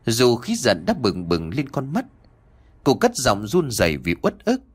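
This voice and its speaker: A man narrating a dramatic story as an audiobook, in an expressive storytelling manner. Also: mid-range voice, measured pace, breathy edge.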